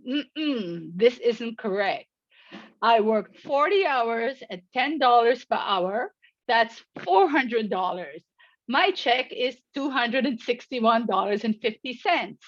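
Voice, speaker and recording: An indignant young college student mutters over her first paycheck, as a woman acts her out while telling a story. She talks slowly in a fairly high voice. The audio is dull and lo-fi, as on a webinar call. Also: animated, no echo. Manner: mumbling, then indignant.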